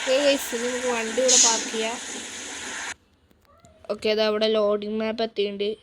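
A chatty woman, her voice sitting a little high as she talks through a bus-driving game. Engine rumble and traffic sounds from the game run clearly under her voice. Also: steady tone, a little fast. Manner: chatty, often cries out at near crashes. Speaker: gaming YouTuber. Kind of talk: casual gameplay commentary.

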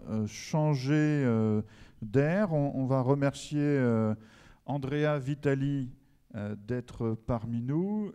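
A middle-aged man hosts a panel discussion with a soft-edged, mellow tone. He is informal and seems to think aloud as he moves things along. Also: mid-range voice, clean tone. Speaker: round table moderator. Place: stage of an indoor conference hall. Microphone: handheld microphone.

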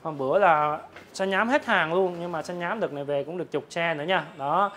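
A man, a motorbike dealer, giving a hard-sell promotional sales pitch to viewers, repeatedly rattling off prices. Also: a little fast, fairly bright tone, slight background noise. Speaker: motorbike dealer presenting his stock. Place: large open-sided metal-roofed motorbike warehouse.

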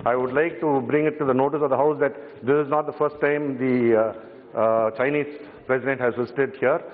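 A middle-aged member of parliament with a Tamil Indian English accent gives a speech in a large chamber, standing at a desk microphone. His mid-range voice stays steady, but he sounds hesitant, pausing often, using many fillers and restarts, and glancing at his notes. The hall echoes and the broadcast audio sounds phone-like.

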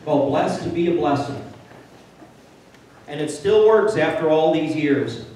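An older pastor with a slightly high, darkish voice preaches animatedly and a little slowly, moving from plainspoken conversation to urgent emphasis. He holds a handheld mic in a large church sanctuary. A distant camera captures him, so the audio is very echoey with slight background noise.

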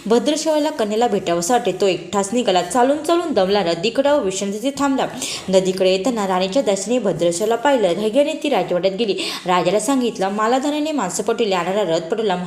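A woman reading a devotional tale aloud, deliberate, with occasional self-corrections. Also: mid-range voice, a little mellow, roomy sound. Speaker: storyteller.

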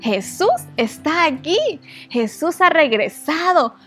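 A woman puts on a breathless male messenger in a children's storybook, his voice pitched high and calling out with eager urgency. He sounds excited and hurried, with soft music faint behind. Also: full character voice. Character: eager male messenger bringing good news.

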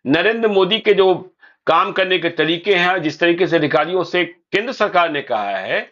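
A man with a high voice hosts a political news discussion. He talks in a brisk, assertive manner, and the recording sounds a little dull and lo-fi. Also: lively intonation, a bit bright. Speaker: news show host.

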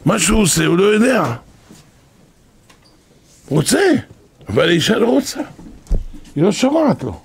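An older man who is a rabbi, giving an impassioned Torah lesson that often rises to shouts and repeats itself. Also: high voice, big pitch swings, gravelly, a little hiss or hum. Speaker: rabbi teaching a class.

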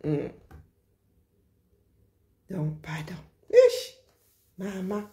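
A woman lectures and mocks in a loose, animated rant. Her voice has a gravelly fry to it. The sound rings with a roomy echo. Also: mid-range voice, a little slow, a little hiss or hum. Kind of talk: casual live rant.

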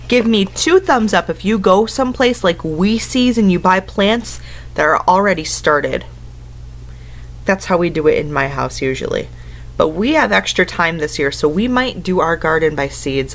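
With a fairly low voice and a little hiss or hum on the recording, a woman in her thirties reads a picture book to young children on her living room couch at home. She speaks in simple instructive phrases and asks them questions.

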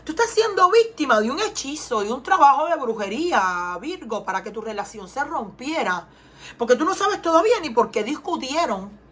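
A Cuban woman with a Cuban Spanish accent gives an earnest tarot reading from her home in Texas, speaking in a high, sing-song voice at a moderate pace with a slightly bright, breathy edge. She often asks her viewers questions, repeating them and urging them to respond.

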